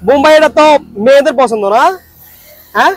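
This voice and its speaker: A man's voice: very high voice, brisk, no room sound. A man with a Noakhali accent, teasing a street vendor in casual vlog chat outdoors. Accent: Noakhali Bengali. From Noakhali, Bangladesh. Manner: playful, teasing banter. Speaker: travel vlogger. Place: outdoors at a street food stall.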